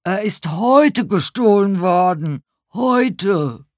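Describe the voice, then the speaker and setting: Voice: lively intonation, very slow, no room sound, studio quality. A reader voicing a frantic, confused old man who is hard of hearing and keeps mishearing words, in a storybook reading. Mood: flustered. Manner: high, loud, flustered and mishearing.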